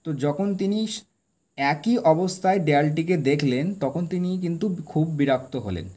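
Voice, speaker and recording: A man teaching English by reading a story aloud and translating it line by line. He reads the English slowly and with stress, explains each word, and keeps asking a quick tag question to check that the listener is following. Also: on the high side, a little mellow.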